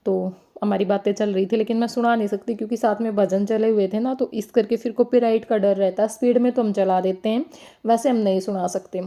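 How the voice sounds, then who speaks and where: A young woman with a Haryanvi accent, chatting in a casual travel vlog and explaining things slowly with lots of fillers. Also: medium pitch, fairly even intonation, dark tone. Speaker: vlogger.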